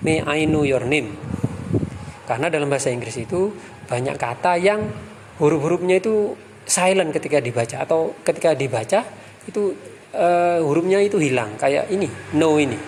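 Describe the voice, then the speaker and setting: An Indonesian-accented man teaches a lesson on English phrases, his voice sitting a bit high for a man. He explains quickly, then says each example phrase slowly and carefully. A faint hiss of noise lies under the recording. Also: lively intonation, a little mellow. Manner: slow, drawn-out model English phrases between quick explanations.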